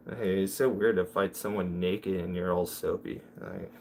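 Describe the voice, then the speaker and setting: A man's voice: low-pitched, fairly even intonation, normal speed, a little mellow, a little hiss or hum. A young man chatting casually on a livestream, telling rambling, joking stories. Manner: rambling storyteller, loose and joking. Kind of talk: casual live chat.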